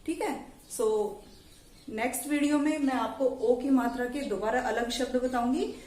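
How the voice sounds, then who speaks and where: A woman teacher giving an online lesson to young children, slowly and patiently sounding out syllables and words. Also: high voice, darkish tone. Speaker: primary school teacher. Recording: echoey room.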